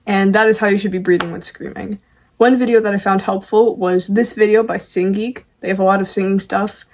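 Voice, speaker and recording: Female amateur vocalist as tutorial host: informal, self-deprecating, medium-pitched, conversational delivery. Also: fairly even intonation, fairly quick. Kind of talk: casual video tutorial.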